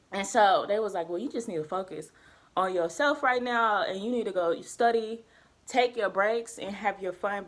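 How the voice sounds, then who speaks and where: Young woman, casual storytelling vlogger, lively, slangy, acts out the people she quotes. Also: on the low side.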